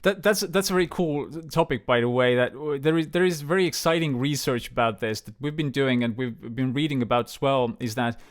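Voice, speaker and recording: A man co-hosting a relaxed chat, his voice smooth and clean at a mid pitch. He talks with eager enthusiasm, tripping over and restarting his words as ideas come. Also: brisk, hardly any pauses. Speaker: co-host. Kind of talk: casual conversation.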